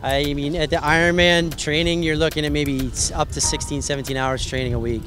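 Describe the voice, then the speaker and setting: A young Hawaiian man who heads a triathlon association explains the sport in a relaxed, friendly manner, his loose run-on sentences pitched fairly high and delivered briskly. It's an outdoor event interview recorded on a handheld mic under tents at a race venue, with music playing in the background.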